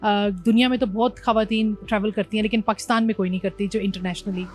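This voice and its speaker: A woman's voice: mid-range voice, steady tone, quick pace. A woman from Pakistan, a motorbike traveller, telling her journey in an interview, mixing English words into her speech. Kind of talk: interview conversation.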